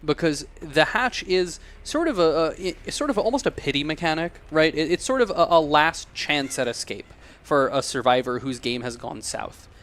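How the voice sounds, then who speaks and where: A man giving excited, analytical live commentary on a video game match as an esports caster. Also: fairly high pitch, normal speed.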